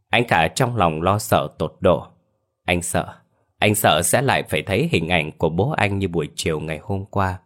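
A man narrating a scripted horror story in a steady, measured way. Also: deep voice.

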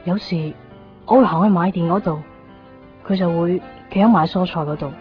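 In a Cantonese radio drama, an actress with a Hong Kong accent plays an introspective, guilt-ridden young woman in pensive narration. Her voice is on the low side, near an everyday register, at a moderate pace. The recording is a dull 1990s radio capture with faint music.

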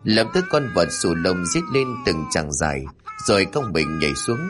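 A man narrating a scripted horror story in a dramatic, measured way. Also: low voice, very animated, over music.

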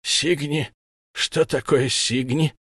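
A man's voice: on the high side, steady tone, slow, a bit bright, husky, no echo, studio quality, voice pushed up, exaggerated voice. A man voicing a smug, menacing humanoid alien interrogator who lisps, in an audiobook. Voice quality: lisping. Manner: mocking, condescending questioning. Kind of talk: audiobook character voice.

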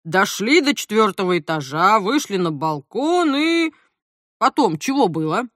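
A woman voicing a weary, stern male police major who talks in a gruff, official way. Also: mid-range voice, sing-song, measured pace, dry recording, studio quality.

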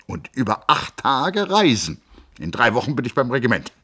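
A man's voice: mid-range voice, big pitch swings, normal speed, pushed and bright, husky, voice pushed up, full character voice. A man voicing an earnest young male soldier in an audiobook reading, firm and clipped. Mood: elated.

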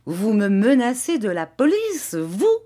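A woman reading an audiobook who voices a cruel man who beats children, speaking in a soft, mocking, menacing tone. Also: on the low side, very animated, takes it slowly. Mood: indignant.

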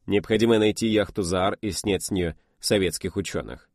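A man reading an audiobook voices a commanding male officer who gives crisp, businesslike orders. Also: sits low, normal speed, darkish tone, no room sound, clean studio sound.

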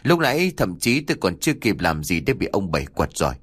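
A man voicing a weary old exorcist, low and resigned. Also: very animated, fairly quick, a bit bright, husky, no room sound, studio quality, full character voice. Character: weary older male exorcist.

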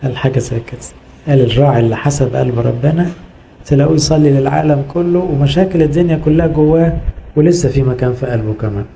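Man, Egyptian accent, priest's sermon, gravelly fry, dark mellow tone, repeats and asks rhetorical questions. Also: mid-range voice, fast, a little hiss or hum, rough recording. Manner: exhorting, repetitive, rhetorical questions.

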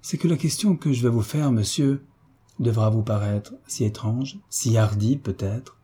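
A man's voice: mid-range voice, unhurried, warm tone, breathy edge. A man voicing a frank, shy young woman at a ball, earnest and hesitant.

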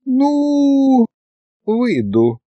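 A woman's voice: medium pitch, sing-song, normal speed, mellow, no room sound, highs cut off, voice pushed up. A man voicing a playful, coquettish young bride who teases and drawls languidly. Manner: teasing, languid.

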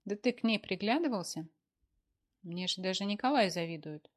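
A man's voice: high voice, lively intonation, moderate pace. A woman voicing a blustering old husband. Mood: indignant. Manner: folksy, exclamatory. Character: blustering older husband, boastful and fond.

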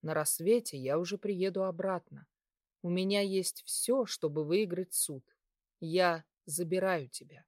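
A woman reading as a soft, possessive man. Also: fairly low pitch, unhurried, dry recording, studio quality, pitched below the performer's own voice, lightly acted. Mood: soft intimacy.

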